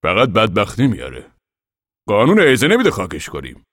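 A man voicing a steady, weary middle-aged farmer father who talks plainly and with hesitation. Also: lowish voice, no room sound, clean studio sound, pitched above the performer's own voice.

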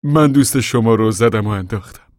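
A man voicing a stubborn male preacher who gives urgent commands in a husky voice. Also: fairly low pitch, darkish tone, dry recording, studio quality, voice pushed up, natural voice. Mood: blunt.

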